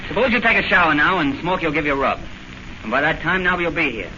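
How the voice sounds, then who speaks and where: An actor playing a brisk, firm, businesslike and protective boxing trainer in an old-time radio drama. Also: male voice, on the high side, expressive, bright, forceful tone. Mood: brisk, easygoing. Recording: noisy, muffled old radio recording.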